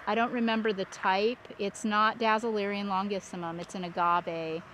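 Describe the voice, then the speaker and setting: A woman hosting a casual walk-through vlog, talking in an excited, gushing, exclamatory way. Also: mid-range voice, moderate pace. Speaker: landscape designer hosting a plant tour. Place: outdoors at a plant nursery. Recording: outdoor ambient and vehicle noise.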